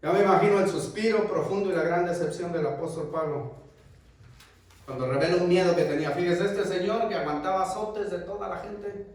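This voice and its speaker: A man preaching as a pastor, swinging between loud, forceful peaks and hushed, intimate asides. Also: sits high, a little fast. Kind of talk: sermon. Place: church sanctuary. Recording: echoey church hall, mic far off.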